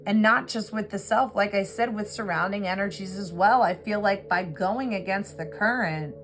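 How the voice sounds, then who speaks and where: A woman giving an earnest, reflective tarot reading, pausing often with fillers, over a music bed. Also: mid-range voice, fairly bright tone. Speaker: tarot reader. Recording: clear music bed behind voice. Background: background music.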